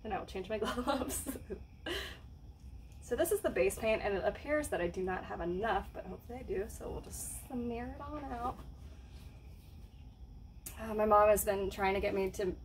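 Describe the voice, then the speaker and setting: A woman's voice: medium pitch, normal speed, long pauses, a little hiss or hum. A woman chatting casually to camera while painting, giggly and self-mocking. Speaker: vlogger. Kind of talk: casual home vlog.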